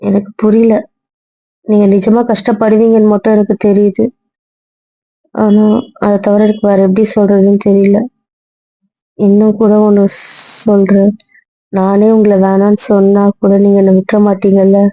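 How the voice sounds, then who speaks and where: A woman's voice: mid-range voice, completely flat delivery, normal speed, long pauses, dry recording, lightly acted. Young woman as guilt-ridden, pleading wife, dry, muffled lo-fi audio-drama role-play. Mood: fearful. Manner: pleading, repeating apologies. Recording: dull lo-fi recording, dry.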